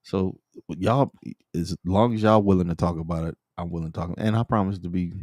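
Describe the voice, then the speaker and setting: A man hosting a podcast, relaxed and friendly, asking questions and reading out viewer comments. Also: deep voice, brisk, no echo, clean studio sound. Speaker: host.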